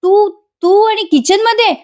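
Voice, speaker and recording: A woman's voice: on the high side, normal speed, darkish tone, lightly acted. A woman voicing a wary young man who makes sarcastic remarks.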